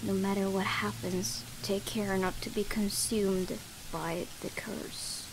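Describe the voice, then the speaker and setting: A woman's voice: mid-range voice, flat delivery, slow, background noise. A woman who is not a native English speaker, hosting a let's play and reading game text aloud. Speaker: gaming video host.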